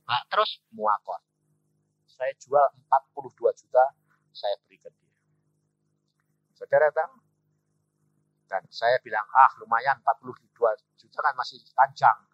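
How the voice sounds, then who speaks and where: Preaching a storytelling sermon at a measured pace with long pauses, a middle-aged evangelist speaks animatedly, addressing the congregation again and again as "saudara". His quoted dialogue comes in sudden loud, high bursts. The sound is dull and dry, with no echo.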